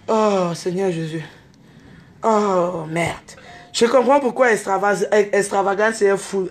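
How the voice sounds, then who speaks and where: A woman, telling a story in an animated, unscripted rant to camera and mixing in street slang. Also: on the high side. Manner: exclaims and calls out to others. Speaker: online video host.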